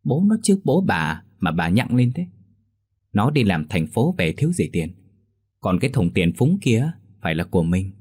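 A man's voice: fairly low pitch, very animated, normal speed, a little mellow, slightly rough. A man voicing a stingy, bad-tempered middle-aged village man who grumbles and scolds. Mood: scheming.

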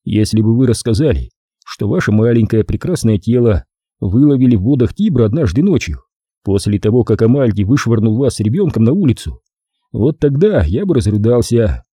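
A man reading a crime novel aloud as the narrator, in an expressive, measured storytelling manner. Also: mid-range voice, slightly rough, dry recording, clean studio sound. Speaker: audiobook narrator. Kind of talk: dramatic audiobook narration.

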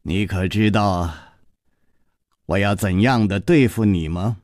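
A man's voice: darkish tone, no room sound, clean studio sound. A man voicing an icy, menacing woman captor. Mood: cold. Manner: sneering, low and slow.

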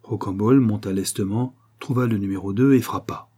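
A man narrates a novel in a low, husky voice with a dark, mellow tone. His reading is measured and even, keeping a steady storytelling pace through long passages. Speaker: audiobook narrator.

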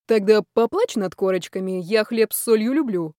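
A woman voicing a playful, teasing male boss who talks in a slow, joking manner. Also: medium pitch, warm tone, dry recording, studio quality, close to an everyday voice.

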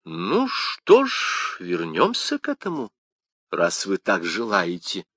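A composed young male musketeer with a priestly air, voiced by a man reading aloud answers in a quiet, even, ironic manner. The voice is bright and crisp, recorded close and dry. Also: medium pitch, takes it slowly, dry recording, voice pushed up, exaggerated voice. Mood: calm. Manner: quiet, calm, mildly ironic.

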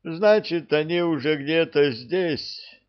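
A man's voice: on the high side, expressive, slow, dull audio, voice pushed up. Kevin, a man doing a whimpering young knight. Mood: tearful. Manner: whimpering, sobbing speech. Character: tearful young knight, whiny.

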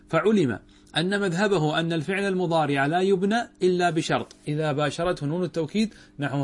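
A man teaching a grammar lesson as a sheikh. He explains step by step, poses questions and answers them himself, and draws out example words slowly. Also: fairly high pitch.

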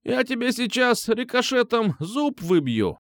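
A crude, bossy old hitwoman, as a male reader puts her on, with a rattling voice that swings a lot in pitch. Dry, close recording. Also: very animated, unhurried, dry recording, heavily acted. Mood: gruff. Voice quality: rattling, low and bassy. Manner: threatening, crude, commanding. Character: elderly female hitwoman, gruff and bossy. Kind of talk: audiobook narration.

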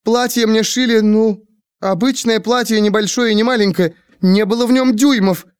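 A man's voice: high-pitched, darkish tone, no echo, voice pushed up, close to an everyday voice. A man voicing an anxious, rambling young woman in her twenties who frets and wails. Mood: wailing. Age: 20s. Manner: frantic, fast, wailing.

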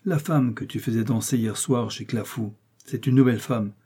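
A man's voice: mid-range voice, normal speed, mellow, slightly rough, close to an everyday voice. A man voicing a confident master detective who speaks firmly and reassuringly. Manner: firm, reassuring.

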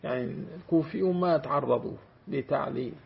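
A man's voice: a little high, a little fast, creaky, slightly rough. A man, a sheikh teaching a class on Quranic commentary, who stretches out words to demonstrate them and checks that his students follow. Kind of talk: classroom lecture on grammar. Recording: dull lo-fi recording with faint hiss.

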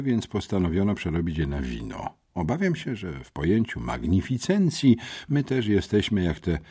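A man reading a first-person story aloud as an audiobook narrator, in an expressive, theatrical way. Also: sits low, husky. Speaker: audiobook reader.

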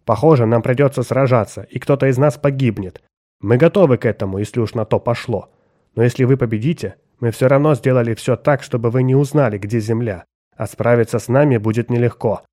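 A man reading an audiobook, voicing a stern human starship captain who speaks loudly and forcefully. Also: mid-range voice, moderate pace, no room sound, clean studio sound, lightly acted. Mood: aggressive. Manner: forceful, commanding.

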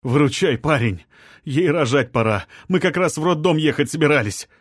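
A man's voice: a little high, expressive, normal speed, dry recording, clean studio sound, voice pushed up. A man voicing a desperate young husband begging for help in an audiobook scene. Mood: pleading. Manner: pleading, panicky.

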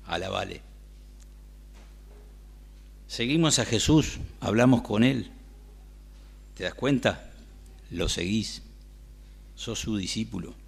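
Man, Rioplatense accent, gravelly conversational sermon delivery in a church. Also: on the low side. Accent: Rioplatense Spanish. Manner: conversational, asks the congregation questions. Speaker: preacher.

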